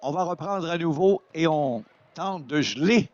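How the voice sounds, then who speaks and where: A man with a Quebec French accent doing excited sports commentary as a play-by-play announcer, exclaiming over the action. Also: fairly high pitch, unhurried, lo-fi sound. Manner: exclaims over plays, voice surging at shots and goals.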